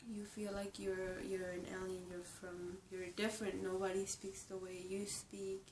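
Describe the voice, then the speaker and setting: Young woman, from Ecuador, native Spanish speaker, halting personal interview, mic at a distance, echoey. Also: mid-range voice, completely flat delivery, a little mellow, slight background noise. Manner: reflective, halting, frequent restarts. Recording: roomy echo, distant mic, faint ambience.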